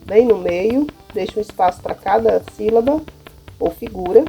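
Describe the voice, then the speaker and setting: Her mid-range voice is mellow and moderately paced, carrying a Brazilian Portuguese accent over quiet background music. A Brazilian woman who teaches primary school, she casually demonstrates classroom material and regularly checks in with those listening.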